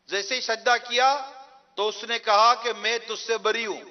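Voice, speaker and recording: A male preacher telling a moral story in a sermon, earnest and drawn out, with slow emphatic endings. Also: extremely high pitch, steady tone, lo-fi sound.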